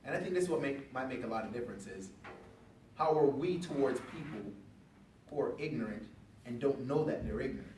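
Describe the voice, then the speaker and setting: A man's voice: medium pitch, a little fast, slight background noise. Male panelist, casual storyteller, distant mic in a reverberant hall. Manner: conversational, animated when quoting others. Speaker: veteran panelist. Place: event hall. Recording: echoey room from a distance.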